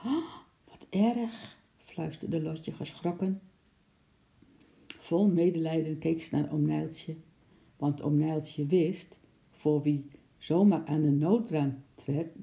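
A woman reading a children's story aloud with calm, expressive narration. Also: low voice, vocal fry.

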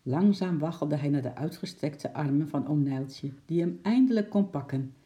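A man calmly reading a children's story aloud, in a steady storytelling manner. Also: on the high side, moderate pace.

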